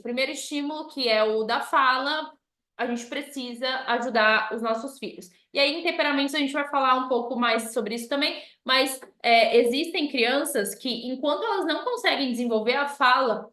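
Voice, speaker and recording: A woman's voice: sits high, normal speed, a bit bright. Woman teaching parents, roomy echo. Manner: conversational, often ends points with "tá?". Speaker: children's educator speaking to parents. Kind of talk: informal parenting lesson.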